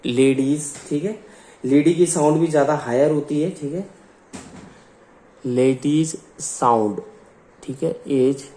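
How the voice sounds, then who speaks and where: A science teacher with an Indian accent dictates class notes slowly, spelling out words letter by letter and mixing Hindi with English. His voice is fairly high-pitched and warm.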